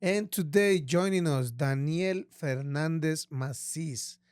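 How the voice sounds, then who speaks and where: A man's voice: fairly high pitch, takes it slowly, clean tone, no room sound, clean studio sound. A man hosting a podcast, welcoming and questioning his guest with enthusiasm. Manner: enthusiastic, warm welcoming, loose phrasing. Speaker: podcast host. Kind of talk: casual interview chat.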